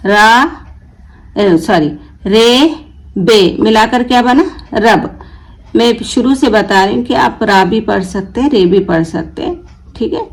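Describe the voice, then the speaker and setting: Woman, teacher, slow, patient, sounds out letters, answers her own questions. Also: mid-range voice, poor audio. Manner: asks questions then answers them herself. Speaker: Urdu teacher. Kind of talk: reading lesson.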